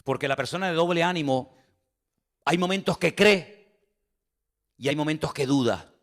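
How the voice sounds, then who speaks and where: Impassioned preaching man. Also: moderate pace. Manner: impassioned preaching, rising loud on rhetorical questions then dropping low; acts out quoted biblical voices. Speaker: pastor. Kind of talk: sermon.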